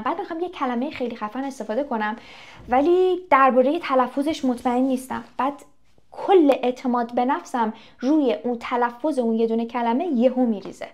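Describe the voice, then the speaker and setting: In a relaxed English video lesson, a young woman with a slightly high voice speaks right to her viewers. She poses questions to them and acts out small anecdotes.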